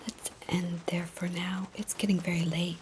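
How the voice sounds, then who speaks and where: A woman whispering a bedtime story and tucking-in roleplay in a soft, gentle, soothing voice close to the mic. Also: on the low side, completely flat delivery, moderate pace, slight background noise, low-quality recording. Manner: soft unvoiced whisper throughout. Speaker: ASMR storyteller. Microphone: close mic, whispering near the ear.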